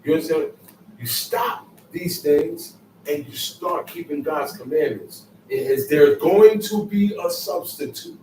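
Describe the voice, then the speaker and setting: A man's voice: fairly high pitch, a little slow, a little mellow, a little hiss or hum. A man giving a Sabbath scripture lesson, emphatic and repetitive, in casual street phrasing. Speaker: Bible teacher. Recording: echoey room, mic far off, faint ambience.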